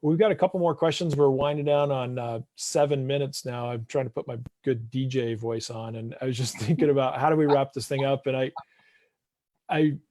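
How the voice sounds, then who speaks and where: A man's voice: medium pitch, steady tone, normal speed, a little mellow, dry recording. A man hosting a casual web chat over a video call, thanking his guests and reading out audience questions. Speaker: host.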